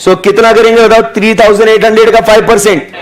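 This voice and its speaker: A man's voice: high-pitched, flat delivery, rough recording. A young Indian man teaching an accounting class live, dictating figures and prodding students to answer. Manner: slow deliberate dictation mixing Hindi and English, prodding students for answers. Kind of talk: live online class lecture.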